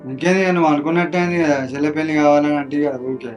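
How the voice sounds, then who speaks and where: An actor playing a young adult son, calmly explaining things to his family. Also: a little high, very fast, faint music behind, natural voice. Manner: matter-of-fact, explaining.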